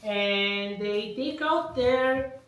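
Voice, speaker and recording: A woman's voice: a little high, extremely slow, fairly bright tone. A woman comedian doing live prop stand-up, delivering wry wordplay and chuckling at her own jokes. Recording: echoey room, mic at a distance.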